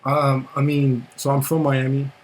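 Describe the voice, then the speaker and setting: A young man from Haiti talks casually about his start in music, easygoing and quick to agree. His voice sits at an ordinary middle pitch. A faint hum of room noise stays behind him. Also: completely flat delivery, rough recording. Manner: laid-back, agreeable, repeats "for sure". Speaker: guest musician. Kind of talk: casual interview chat.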